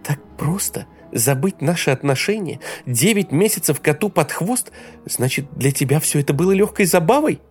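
A young woman in an audiobook scene, desperate and tearful, who climbs into shrill, furious screaming, voiced by a male narrator who lifts his pitch. The voice has a gravelly edge, and soft music plays behind it. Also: big pitch swings, normal speed, few pauses. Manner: rising to shrill shouts. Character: young woman, hurt, pleading, then furious.

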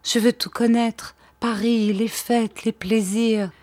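A feverish dying noblewoman in a storybook reading, voiced by a woman. She pleads in a high, breathless, childlike voice, clinging to life. The lines come slow and fragile. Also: fairly even intonation, a little mellow, no room sound. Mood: yearning. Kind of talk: audiobook character voice.

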